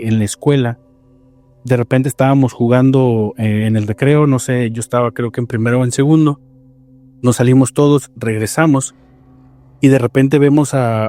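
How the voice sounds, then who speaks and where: Mellow-voiced Mexican man telling eerie stories. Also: medium pitch, dry recording. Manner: animated storyteller, rambling with repeated restarts. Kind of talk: casual paranormal storytelling chat.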